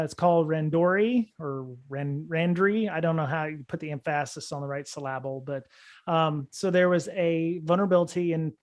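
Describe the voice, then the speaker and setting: A man with a fairly high voice hosts a casual security podcast chat. He rambles, circling back with fillers and restarts as he goes. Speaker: podcast host.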